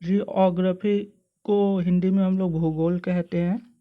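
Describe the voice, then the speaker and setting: A teacher with an Indian English accent takes learners through a pronunciation lesson, sounding words out slowly, one syllable at a time. The speech is patient and hesitant, with fillers between phrases. The recording was made on a phone and sounds slightly dull. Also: medium pitch, flat delivery. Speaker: online teacher.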